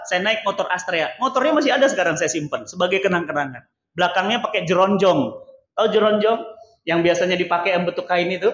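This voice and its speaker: Male preacher, high voice, theatrical sermon delivery, echoey mosque PA sound. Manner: animated, theatrical, acts out quoted voices. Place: large mosque hall. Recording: echoey, dull mosque PA recording.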